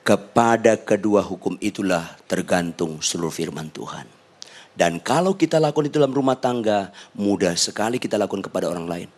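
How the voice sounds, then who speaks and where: A man, a pastor, preaching a sermon in a church with humor, his voice leaping high for emphasis. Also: animated, brisk, darkish tone.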